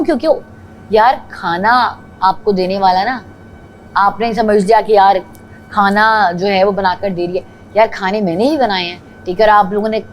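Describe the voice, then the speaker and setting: Higher-voiced woman venting. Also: poor audio. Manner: complaining, mixes in English words. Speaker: reality show contestant. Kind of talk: heated casual venting. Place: reality show house, indoors.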